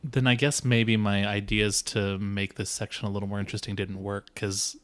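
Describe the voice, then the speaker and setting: A man with a lowish voice, level tone, normal pace and fairly bright timbre is producing a podcast. He chats casually in a distracted, offhand way, saying "like" a lot.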